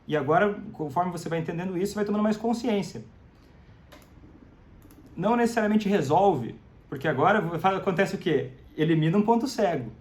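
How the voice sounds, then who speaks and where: High-voiced man teaching on a live stream. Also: animated, fairly quick, a little mellow. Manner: conversational, asks viewers questions and acts out example phrases. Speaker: host of a live stream on family communication about alcoholism. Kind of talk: live-stream talk to viewers.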